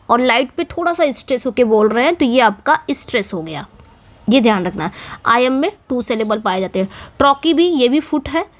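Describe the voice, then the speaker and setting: A woman with a high voice teaches English poetic meter in an exam-prep lecture. She explains patiently, goes over each point several times, and keeps checking that her students are following. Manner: repetitive teacherly explaining with frequent "theek hai" and "okay" checks.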